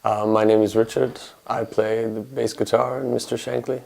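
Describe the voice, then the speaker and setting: Gravelly man, flat low voice. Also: moderate pace. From Canada. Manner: relaxed, filler-heavy storytelling. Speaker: bass guitarist. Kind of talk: documentary interview.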